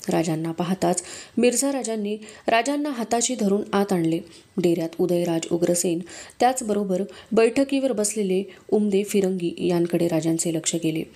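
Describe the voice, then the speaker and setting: A woman giving a steady, measured audiobook reading of a historical novel. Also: medium pitch. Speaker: narrator.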